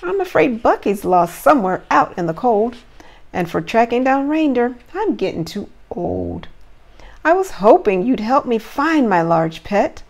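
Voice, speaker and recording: A woman's voice: fairly high pitch, very animated, measured pace, a little mellow, exaggerated voice. A woman voicing a flustered, worried old Santa Claus in a children's storybook, complaining and pleading dramatically. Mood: worried, upset. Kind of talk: children's storybook read-aloud.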